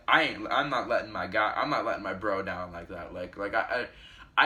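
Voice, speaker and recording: Bright-voiced teen guy rambling a story. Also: lowish voice. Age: teens. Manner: rambling, self-correcting, many restarts. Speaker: vlogger. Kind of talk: storytime vlog.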